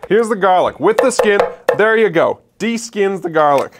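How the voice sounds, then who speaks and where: A man doing a parody infomercial pitch, with loud, fast-talking salesman patter. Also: lively intonation, very noisy.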